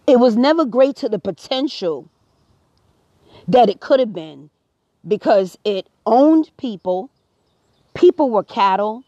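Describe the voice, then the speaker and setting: An American live-stream host speaks straight to her viewers, delivering impassioned, preachy, emphatic social commentary. Her voice is fairly high and warm, captured in a dull, dry, lo-fi recording.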